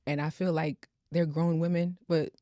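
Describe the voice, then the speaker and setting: A woman of forty co-hosting a podcast, speaking in a relaxed, reflective way. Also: low-pitched, moderate pace, dry recording. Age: 40s. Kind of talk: casual chat.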